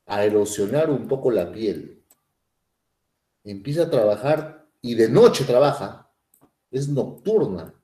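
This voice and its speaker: A man's voice: medium pitch, expressive, takes it slowly, long pauses, dark tone, roomy sound. A man teaching biology in a playful, chatty way, often checking in with tag questions. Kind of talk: animated classroom lecture.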